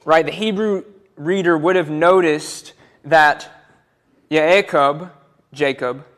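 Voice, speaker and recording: A man's voice: a little high, fairly bright tone. A young man preaching a sermon from a church pulpit, earnest and repeating words as he builds each point. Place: church auditorium, speaking from a pulpit. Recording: church hall with long reverb.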